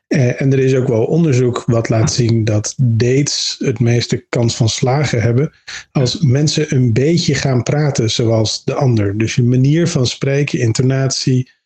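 A man's voice: mid-range voice, dark tone, husky. A man speaking as an interviewed voice coach, explaining his views in an unscripted way.

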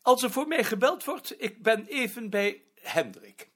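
A man's voice: extremely high pitch, big pitch swings, unhurried, fairly bright tone, heavily acted. An actor playing a prim male office director who talks hesitantly, stammering now and then. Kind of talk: drama acting.

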